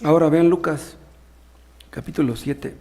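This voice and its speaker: A man's voice: on the high side, steady tone, unhurried, warm tone. A man preaching a sermon, reading Bible passages aloud and explaining them in plain words with rhetorical questions. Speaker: pastor.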